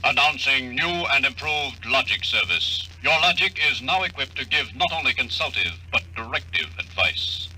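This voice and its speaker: A formal announcing computer. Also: male voice, mid-range voice, expressive, moderate pace, few pauses, sharp tone, low-quality recording. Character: talking computer making announcements. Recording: old radio recording with faint hum.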